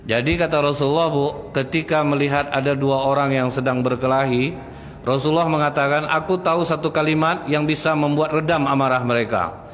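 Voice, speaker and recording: A man's voice: fairly high pitch, steady tone, brisk, slight background noise. A man giving a pre-tarawih mosque sermon, telling stories in a folksy way and acting out quarrels in a raised voice. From Indonesia. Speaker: preacher. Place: mosque hall. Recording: echoey mosque hall with faint ambience.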